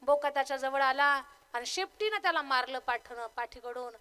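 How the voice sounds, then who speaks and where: A young woman from Maharashtra, a kirtankar, telling a story in a lively, humorous way during a devotional sermon. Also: sits high, normal speed.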